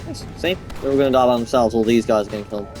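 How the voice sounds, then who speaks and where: A man's voice: medium pitch, steady tone, racing, music in the background. Rambling, swearing gamer guy. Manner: rambling, swears freely, restarts often. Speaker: gamer playing on camera. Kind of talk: casual gameplay commentary.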